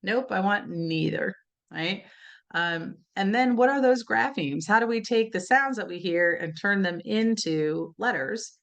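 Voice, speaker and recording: A woman's voice: mid-range voice, expressive, unhurried, fairly bright tone. A woman presenting an educational webinar, talking conversationally with many "right?" and "you know" asides. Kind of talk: informal teaching talk.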